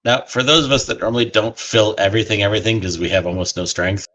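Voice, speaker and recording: A man plays a tabletop game and chats casually. His voice sits a little low, and he talks in a playful, joking way. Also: quick pace, a bit bright. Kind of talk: casual chat.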